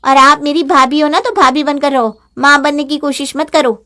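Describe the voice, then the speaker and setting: A bratty teenage girl taunts and mocks in a high voice, as a woman voices her. She is the spoiled sister-in-law of an animated family storybook, insolent in every line. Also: normal speed. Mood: taunting.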